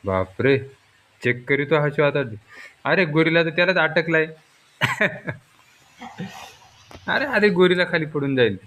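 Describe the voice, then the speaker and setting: A man chatting playfully with a small child over toy animals at home, coaxing and full of excited exclamations. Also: on the high side, a little slow, long pauses. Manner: animated, exclamatory, coaxing, with frequent "arey" and "baapre". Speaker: adult playing with a small child. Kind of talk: playful chat with a toddler.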